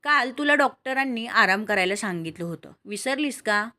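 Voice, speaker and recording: A woman's voice: a little high, animated, moderate pace, pushed and bright. Woman voicing a strict, caring mother. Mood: firm. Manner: scolding, firm.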